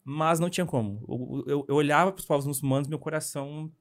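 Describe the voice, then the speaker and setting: A young Brazilian man, a missionary guest, telling his story in a casual interview with animated, hurried speech and frequent tag questions. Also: on the high side. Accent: Brazilian Portuguese.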